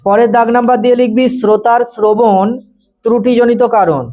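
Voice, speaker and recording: A man tutoring a class, dictating definitions slowly and repeating phrases while he quizzes his students. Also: very high-pitched, steady tone, warm tone, low-quality recording. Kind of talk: dictating a grammar lesson.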